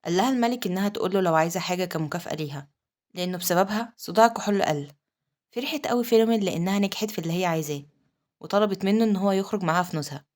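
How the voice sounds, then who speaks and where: A woman with an Egyptian Arabic accent narrating a manhwa recap, telling the story quickly and reading quoted lines plainly. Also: fairly low pitch, darkish tone.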